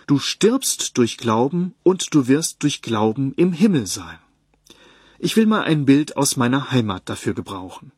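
Ein Mann, der ruhig und gemessen eine Predigt vorliest und dabei Bibelstellen angibt. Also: male voice, medium pitch, breathy edge, no room sound, clean studio sound. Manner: calm, measured, citing verses. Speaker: Bible teacher. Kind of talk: read sermon on a Bible text.

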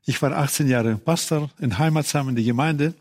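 An older man in his sixties with a mid-pitched voice speaks in short, matter-of-fact statements. He presents himself plainly, like a retired pastor. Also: fairly quick, a little mellow. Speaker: retired pastor, panel guest. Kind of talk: casual panel talk.

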